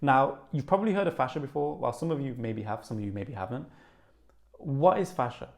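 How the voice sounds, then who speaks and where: A young man with a Birmingham accent, talking fast and eagerly to camera as a wellness vlogger, with lots of "like" fillers. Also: mid-range voice, vocal fry. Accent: Birmingham (Brummie). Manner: fast, excited, animated, with many "like" fillers. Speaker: wellness YouTuber. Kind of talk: casual vlog talk to camera.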